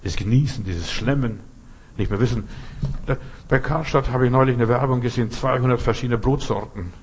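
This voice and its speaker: A man's voice: mid-range voice, fairly quick, a little mellow, slight background noise. A man preaching a sermon, earnestly exhorting and speaking straight to his listeners.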